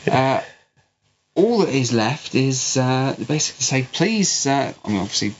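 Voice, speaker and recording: A man's voice: medium pitch, big pitch swings, a little slow. A man with a West Country English accent, congested with a cold, chatting casually and rambling about films as a podcast host. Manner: sweary, rambling. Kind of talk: casual film review chat. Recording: dull lo-fi sound with clear hiss.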